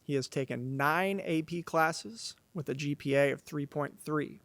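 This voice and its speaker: Male announcer for a school knighting ceremony, moderately high pitch, formal reading, dry podium-mic sound. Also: unhurried, no room sound. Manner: formal, addresses the audience as ladies and gentlemen. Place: stage of a large auditorium. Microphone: podium microphone.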